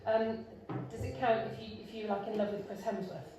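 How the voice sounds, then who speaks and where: A woman singer-songwriter chatting with a live concert audience between songs, chatty and jokey with quick asides. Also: medium pitch, flat delivery, warm tone, a little hiss or hum. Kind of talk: casual stage banter between songs. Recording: echoey live hall with guitar music.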